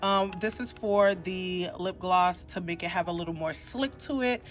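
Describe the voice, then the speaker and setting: A woman's voice: lowish voice, normal speed. A woman giving a chatty, upbeat vlog tour of her small business workspace, slightly out of breath. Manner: chatty and upbeat, adds "okay?" and "honey". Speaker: small business owner and vlogger.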